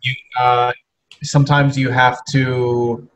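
American man, mid-pitched, halting casual talker. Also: flat delivery, a bit bright, echoey room, low-quality recording. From United States. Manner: halting, repeats words while explaining. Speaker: English teacher as podcast co-host. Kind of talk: casual chat.

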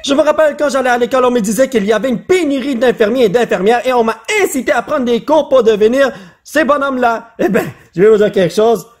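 A man with a Quebec French accent, a father, joking and getting excited in casual commentary as he opens card packs on his channel. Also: extremely high pitch, fast. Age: adult father. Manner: excitable, jokey, drops English slang. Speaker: YouTuber opening card packs. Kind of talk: casual pack-opening commentary.

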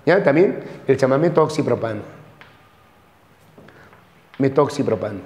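A man's voice: medium pitch, expressive, unhurried, a little mellow, highs cut off. Peruvian man teaching in an echoey classroom. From Peru. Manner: repeats terms, checks with frequent questions. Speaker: chemistry teacher. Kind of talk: classroom lecture. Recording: echoey classroom with long reverb.

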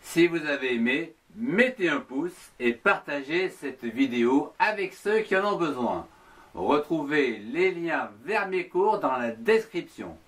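A man's voice: fairly high pitch, big pitch swings, a little slow, fairly bright tone, breathy edge. A man with a French accent teaching a handwriting lesson, spelling words out one letter and syllable at a time.

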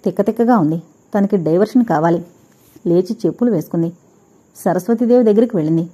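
A woman reading a dramatic audio novel, voicing every character's dialogue herself with gentle shifts. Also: lowish voice, fast, husky. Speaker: audiobook narrator.

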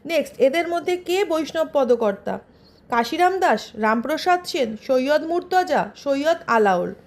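A woman teacher with a West Bengal Bengali accent reads out multiple-choice questions and their options for exam revision, then gives the correct answer. Her voice sits high and is expressive, and she speaks a little slowly.

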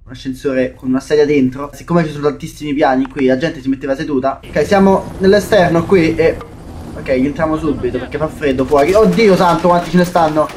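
A man's voice: a little high, brisk, a little mellow. A young man, commentating a shooter game, swearing and talking to his viewers. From Italy. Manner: swearing, jumpy, talks to viewers as "raga". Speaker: gaming YouTuber. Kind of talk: let's play commentary. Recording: faint game noise and gunfire behind.

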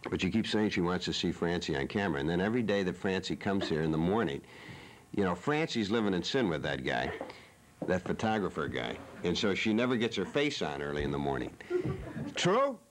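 A man's voice: low-pitched, lively intonation, brisk, a little hiss or hum. A man hosting a cable TV talk show from a studio, joking and teasing in a rambling way. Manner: playful, teasing.

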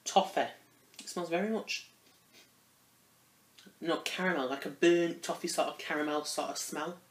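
A man's voice: fairly high pitch, fairly even intonation, moderate pace. A man giving a casual spoken product review, rambling and hesitant, often restarting his phrases. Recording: roomy echo.

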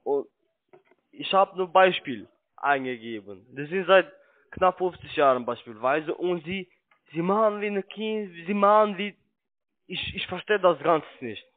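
Pushing an unscripted sale by telephone, the call centre agent speaks in a high voice that is halting and insistent, with broken grammar. German is not his first language, and the line sounds tinny and narrowband.

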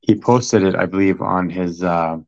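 A man's voice: sits low, fairly even intonation, moderate pace, creaky, darkish tone. A middle-aged man talking casually as an interview guest about his family's restaurant, rambling with many fillers and restarts. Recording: dull lo-fi sound.

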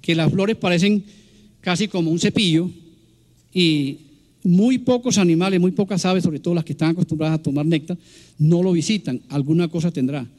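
High-voiced man lecturing. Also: darkish tone. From Colombia. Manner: explanatory, halting with fillers and restarts. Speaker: biologist guest speaker. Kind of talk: public science lecture with slides. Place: large public event hall.

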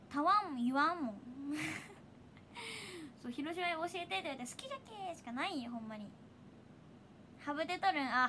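Young woman streamer, Hiroshima accent, high-pitched and giggly; casual chat with viewers, phone mic close up. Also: sharp tone, slight background noise. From Hiroshima, Japan. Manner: giggly, chatty, laughs often. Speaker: idol livestreamer. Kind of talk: casual livestream chat reading viewer comments.

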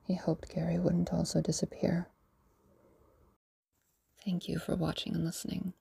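A woman's voice: fairly low pitch, completely flat delivery, a little slow, vocal fry, mellow, slight background noise. A woman reading a short story aloud, often slipping into an unvoiced whisper. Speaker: narrator. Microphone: home voice-over recording.

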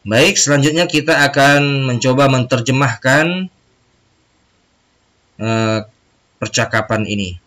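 A man's voice: mid-range voice, takes it slowly, pauses often, fairly bright tone. A man with an Indonesian accent teaching a recorded Arabic lesson for children, drawing out words and repeating them for pupils to echo.

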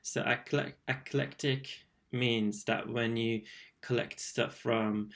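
A man's voice: medium pitch, fairly even intonation, slow, vocal fry, fairly bright tone. A young man, an interior designer, giving rambling, enthusiastic reaction commentary on a home tour from a small room. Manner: rambling, enthusiastic, many fillers and restarts.

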